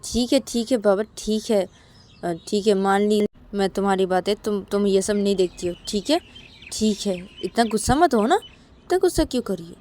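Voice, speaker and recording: A woman's voice: medium pitch, normal speed, mellow, natural voice. Woman voicing stammering, placating Shreya. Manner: placating, stammering "arre baba".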